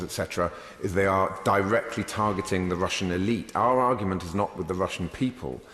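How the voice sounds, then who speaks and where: A man with a British accent delivers a formal parliament speech in a low register. His phrasing is measured and rhetorical, with deliberate emphasis. The large chamber adds strong echo and a long tail of reverb. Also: fairly bright tone. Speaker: member of parliament making a speech. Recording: echoey hall, long reverb.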